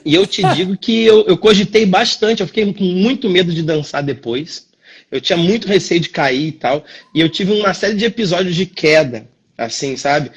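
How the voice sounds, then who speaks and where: A Brazilian man, a dance teacher, telling a story in casual chat on a livestream, animated and acting out the dialogue. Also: high voice, normal speed, slightly rough. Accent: Brazilian Portuguese. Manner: animated, acts out quoted dialogue. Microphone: phone or computer on a live video stream.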